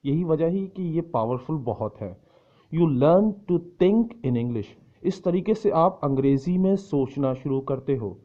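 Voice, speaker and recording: Guy teaching english, says the english bits real slow then explains quick, kinda muffled lo-fi sound. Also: a little high, expressive. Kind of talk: explaining in a lesson, switching between slow English lines and fast Urdu explanation. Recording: dull lo-fi recording.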